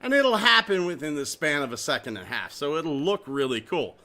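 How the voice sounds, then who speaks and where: Lively, excitable male podcast host. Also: a little high, fairly quick. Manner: excitable, animated, swearing and laughing. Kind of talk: casual chat about toys.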